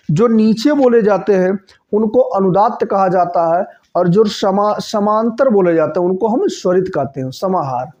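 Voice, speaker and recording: Sitting high and mellow, this man's voice leads an exam-prep grammar lesson. He keeps checking in with his listeners and poses questions that he then answers himself, all in dull, lo-fi sound.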